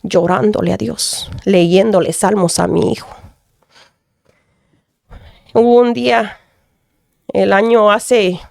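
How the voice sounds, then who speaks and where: A woman gives an earnest testimony as a mother. She keeps turning to address the pastor in a mid-pitched voice. The recording is dry, with little room sound. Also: fairly even intonation, takes it slowly, creaky, long pauses, darkish tone, dry recording. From Dominican Republic. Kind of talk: radio testimony.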